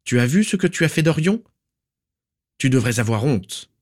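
A man's voice: a little high, expressive, moderate pace, darkish tone, voice pushed up, lightly acted. A man voicing a cold, implacable aristocratic aunt who accuses and scorns in an icy, unemotional tone. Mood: scornful.

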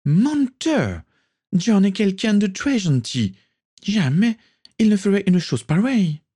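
A man's voice: sing-song, a little slow, dark tone, husky, full character voice. A man putting on a defiant young woman. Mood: furious. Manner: high and heated.

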